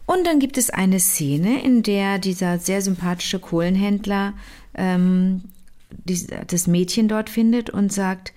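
A woman retelling a novel in casual chat, lively, with many fillers and restarts. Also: mid-range voice, unhurried.

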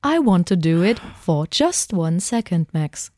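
A woman who co-hosts a radio podcast, putting on the slow, drawn-out voice of a lovesick, self-pitying robot. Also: fairly low pitch, sing-song, warm tone, dry recording, studio quality. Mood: mock-tragic.

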